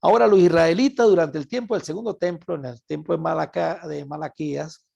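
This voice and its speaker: A man from Venezuela with a Venezuelan Spanish accent, preaching a Bible study sermon in an animated way and repeating words for emphasis. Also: on the high side, fairly quick, vocal fry, breathy edge, muffled recording.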